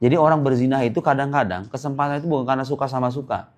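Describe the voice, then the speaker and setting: A man preaching in a relaxed, conversational lecture, with a voice of middling pitch. He keeps asking the listeners questions and answers them himself. He breaks in with playful, teasing asides. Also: very fast. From Indonesia. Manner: lively, quizzing listeners with rhetorical questions. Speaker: Islamic preacher. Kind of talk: casual religious lecture.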